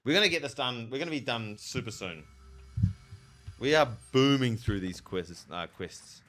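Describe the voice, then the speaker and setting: A man with a bright, forceful voice and a pronounced lisp from a dental retainer. He talks casually to his livestream chat, animated and slangy, while he plays a game. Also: medium pitch, normal speed. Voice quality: lisp, made stronger by a new retainer. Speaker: live streamer, theologian.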